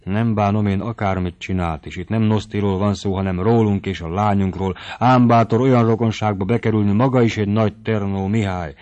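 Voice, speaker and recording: A man doing a shrill, excitable wife. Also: few pauses, no room sound, dull audio, close to an everyday voice. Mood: pleading. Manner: chattering, excitable, high-pitched. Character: shrill, fussy, talkative middle-aged wife.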